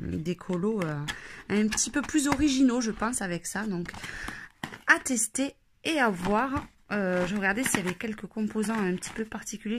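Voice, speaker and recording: A woman's voice: mid-range voice, noisy background. A woman chatting casually through a craft shopping haul, with many hesitations. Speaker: craft vlogger.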